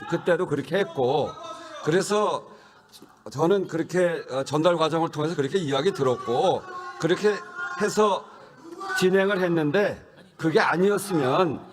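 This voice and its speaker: A man's voice: fairly high pitch, long reverb tail. Guy chairing parliament, stumbles over his words, tells hecklers to pipe down. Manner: stammering restarts, defensive, scolding hecklers. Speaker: presiding officer of a parliamentary session. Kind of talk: chairing a heated parliamentary session.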